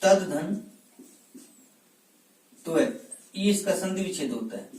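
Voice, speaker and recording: A man with a somewhat high voice teaches a grammar class for exam students. He asks questions, answers them himself and drills words by repeating them. He sounds distant from the mic, in a room with a lot of echo. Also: expressive, takes it slowly, darkish tone. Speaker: Hindi teacher. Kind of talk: exam-prep grammar lesson.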